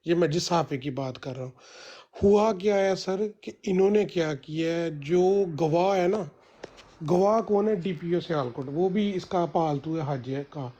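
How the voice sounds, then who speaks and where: High-pitched man in heated political commentary. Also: measured pace, dark tone, muffled recording. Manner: rambling with restarts and fillers. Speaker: commentator on a group call.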